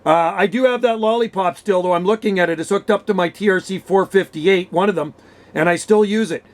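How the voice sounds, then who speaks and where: High-pitched and brisk, the Canadian CB hobbyist of about sixty from the western part of the country chats warmly about old times. His casual, enthusiastic radio talk comes through a vintage desk microphone.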